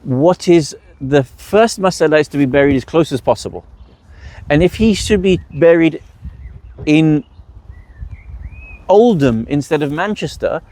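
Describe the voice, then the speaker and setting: A man's voice: fairly high pitch, unhurried, long pauses, mellow, no echo. A man leading a religious workshop, explaining rules and asking the audience rhetorical questions before answering them. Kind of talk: explanatory teaching talk.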